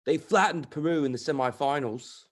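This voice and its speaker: A man's voice: on the high side, moderate pace, close to an everyday voice. A man reading the part of a blunt, gloomy sporty young man.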